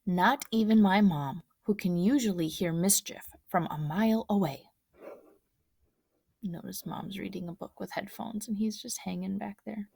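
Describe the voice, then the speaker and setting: Female storybook reader, soft and hushed, close and dry, medium pitch. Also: normal speed, vocal fry, slightly rough, no echo. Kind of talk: reading a picture book aloud.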